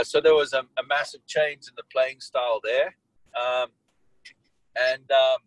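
A man's voice: medium pitch, no room sound, rough recording. A man from Malawi and South Africa, a soccer coach, answering interview questions in a rambling way with many restarts and fillers.

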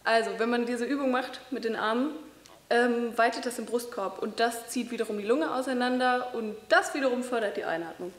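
A young adult voice training student explains and demonstrates breathing and vocal exercises, sometimes stopping with fillers. She speaks in a fairly high pitch, and the large, bright hall she's in echoes, with slight background noise.

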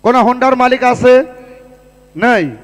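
A Bangladeshi man announcing a live prize draw in a booming, showman-like way, with drawn-out calls over an echoing PA. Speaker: lottery draw announcer at a fair. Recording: echoing PA with long reverb.

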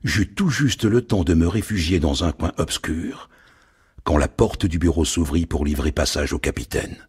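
Male audiobook narrator, very low husky voice, lively expressive reading. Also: normal speed. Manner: expressive, theatrical.

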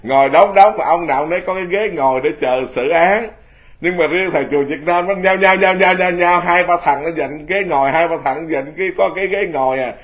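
Blunt laughing Buddhist monk. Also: male voice, on the high side. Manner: blunt, self-mocking, laughing often. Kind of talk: informal dharma talk.

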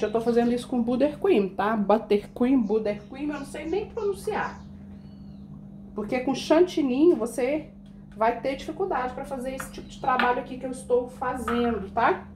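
Against a noisy background, a woman whose voice sits on the high side decorates a cake in her kitchen at home. She keeps up a chatty flow with her viewers, calling them "gente" and walking through every step of this casual baking tutorial.

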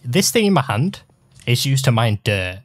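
A man's voice: mid-range voice, big pitch swings, moderate pace, no room sound. A young man with a teasing, joking manner, co-hosting a casual gaming session. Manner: teasing, joking, mock exasperated. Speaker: Let's Play co-host.

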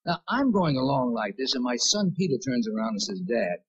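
A man's voice: mid-range voice, very animated, brisk, slightly rough, dull audio. A man in his fifties, guest of honor, giving a self-mocking comic roast speech on a 1970s TV show. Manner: punchy, self-mocking timing. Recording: 1970s TV broadcast, audience laughter.

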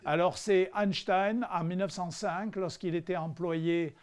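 Brief: French man, public science lecturer, mid-high voice, hesitant and chatty, wry humor. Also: fairly even intonation, a little slow. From France. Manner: conversational, hesitant with frequent fillers; dry humorous asides to the audience. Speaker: physicist giving a public lecture. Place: lecture hall before a live audience.

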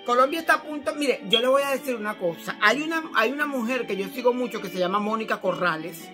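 A middle-aged woman from Caracas with a Venezuelan accent, hosting a casual live chat from her living room, animated and affectionate with her listeners. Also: on the high side, quick pace, music in the background. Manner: animated and chatty, calls listeners "my love". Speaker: host. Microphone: phone at arm's length.

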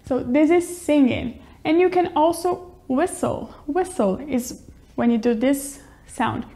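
High-voiced young woman teaching English. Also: animated, takes it slowly, dark tone, a little hiss or hum. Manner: cheerful, explains with little demonstrations. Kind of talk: casual teaching with acted demonstrations.

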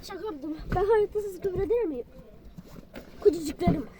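A woman vlogging from inside a car, chatting to her viewers in a loud, teasing and crude way, with sudden yells and mumbled asides. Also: very high-pitched, normal speed, background noise. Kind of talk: casual vlog chat to viewers.

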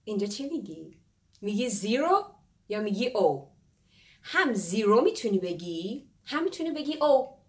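A woman teaching English numbers in a casual, playful way, laughing often and repeating words slowly to model pronunciation. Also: medium pitch, very animated, echoey room. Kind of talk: casual spoken lesson.

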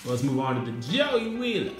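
A man's voice: medium pitch, sing-song, normal speed. A man doing a casual unboxing vlog, listing off names and adding apologetic asides, recorded with an echoey room sound. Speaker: YouTuber unboxing trading cards. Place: indoor home room with echo. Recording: echoey room with music behind.

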